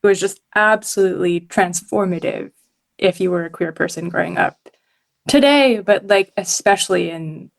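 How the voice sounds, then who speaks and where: Gravelly-voiced woman, chatty guest. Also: fairly low pitch, normal speed. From Hong Kong. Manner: chatty, many fillers, laughs often. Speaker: journalist and podcast guest. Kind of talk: casual podcast interview.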